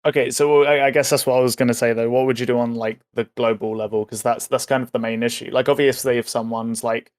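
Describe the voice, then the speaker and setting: A man's voice: medium pitch, level tone, quick pace, few pauses. A man chatting through a casual debate in a tentative way, hedging his points as he thinks aloud.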